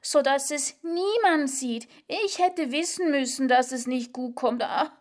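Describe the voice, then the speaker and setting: A woman reading a story voices a frail, despairing nun of ninety-seven who wails in a high, drawn-out lament. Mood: distraught wailing. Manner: high, slow, wailing lament. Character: frail 97-year-old nun, wailing in despair.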